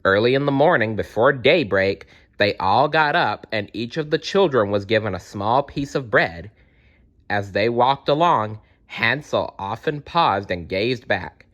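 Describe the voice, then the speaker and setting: A man acting as storyteller reads a fairytale aloud for kids, expressive and speaking right to them. His voice is slightly low, bright, and forward, delivered a little slowly, and the recording's highs are cut off.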